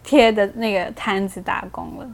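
A young woman with a Taiwanese Mandarin accent, chatting casually on a podcast with relaxed, filler-heavy speech. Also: mid-range voice, moderate pace, a crowd in the background. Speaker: podcast co-host. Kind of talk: casual chat.

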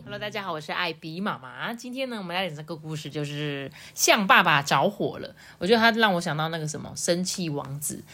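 A woman with a Taiwanese Mandarin accent reading a picture book to children, chatty and expressive. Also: fairly low pitch, brisk, hardly any pauses, over music. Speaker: storybook reader host.

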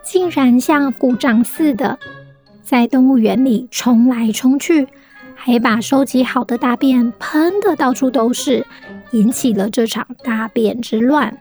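Gentle woman reading a children's story. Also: on the high side, unhurried. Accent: Taiwanese Mandarin. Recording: music bed behind the voice. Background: soft background music.

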